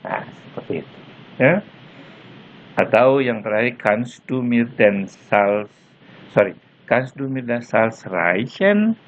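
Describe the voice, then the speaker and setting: A male university lecturer explaining patiently and slowly, tagging his points with "ya", recorded as a lecture on a phone or laptop mic. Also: medium pitch, lively intonation. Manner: slow, patient explaining with frequent "ya" tags. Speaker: German lecturer. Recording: lo-fi phone-like recording with faint noise.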